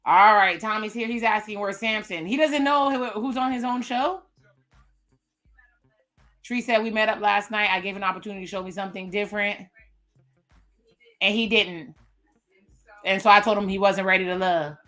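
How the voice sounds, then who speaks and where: A woman's voice: medium pitch, steady tone, moderate pace, long pauses, bright, forceful tone, soft background music. A woman hosting a live reaction stream, casually recapping and commenting on a dating show. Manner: casual, recaps what cast members say, chatty asides. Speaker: reaction video host.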